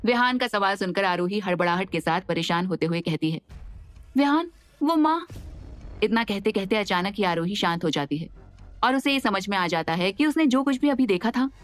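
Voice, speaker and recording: A woman giving steady, expressive scripted narration for an audio drama. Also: medium pitch, clean tone. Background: faint background music.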